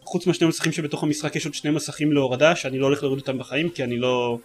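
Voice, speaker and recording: A man's voice: a little high, steady tone, faint music behind. A man co-hosting a casual gaming podcast, talking eagerly and rambling with many fillers. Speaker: podcast co-host.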